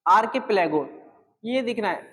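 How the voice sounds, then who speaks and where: A man's voice: high-pitched, animated, moderate pace, fairly bright tone, big-room sound. A man teaching an exam-prep vocabulary lesson, repeating key words and quizzing viewers with questions.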